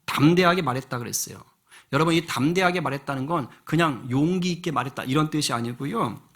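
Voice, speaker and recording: Man, middle-aged, senior pastor, sermon, husky, slightly high voice, rhetorical questions, church sanctuary. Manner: animated preaching, rhetorical questions to the congregation.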